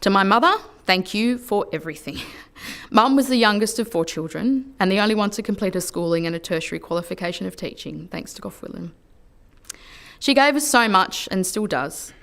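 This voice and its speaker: An Australian woman politician delivering a formal parliamentary speech in an earnest, measured way at a lectern microphone in a legislative chamber. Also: medium pitch, animated, gravelly, a bit bright.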